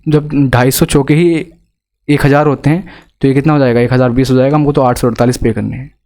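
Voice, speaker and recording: A man's voice: medium pitch, steady tone, quick pace, darkish tone. A male math teacher with an Indian accent, explaining exam problems step by step and asking students rhetorical questions. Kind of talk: exam-prep math lesson.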